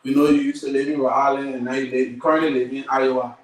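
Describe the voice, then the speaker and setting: A man's voice: mid-range voice, flat delivery, fast talker. A man hosting a casual studio interview, loose and rambling, repeating himself. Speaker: interview host. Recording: echoey room, far from the mic.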